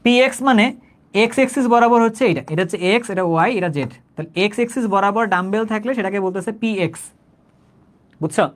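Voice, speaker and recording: Male tutor, rapid and chatty online lecture, keeps asking if it's clear. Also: high-pitched. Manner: conversational, repeats phrases, checks understanding often. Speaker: chemistry teacher.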